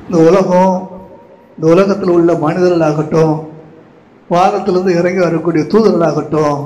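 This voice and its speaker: A man's voice: high-pitched, warm tone, a little hiss or hum. A male pastor preaching a sermon, questioning his congregation and repeating phrases for emphasis. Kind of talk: Tamil sermon with scripture reading. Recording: echoey hall.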